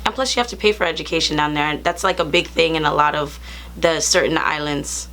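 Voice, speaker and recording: A woman with a somewhat low voice hosts an interview. She encourages her guest and affirms him often as he talks. A faint hum runs under the recording. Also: quick pace, fairly bright tone. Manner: encouraging, with many affirming fillers. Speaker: interview host. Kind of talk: casual interview.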